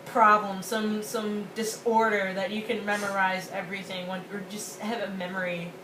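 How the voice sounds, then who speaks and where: A young woman co-hosting a casual rant, talking in a quick, excitable, exaggerated way. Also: medium pitch. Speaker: co-host. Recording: roomy, distant, noisy home recording.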